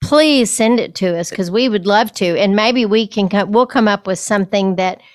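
A woman's voice: mid-range voice, normal speed, no room sound, clean studio sound. A woman co-hosting a podcast in casual chat, earnest and agreeable. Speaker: podcast co-host.

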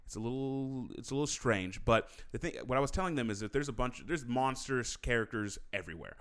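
A man's voice: medium pitch, expressive, a little fast, clear, resonant tone. A man co-hosting a podcast, telling a story in casual chat, teasing and swearing freely. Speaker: podcast co-host.

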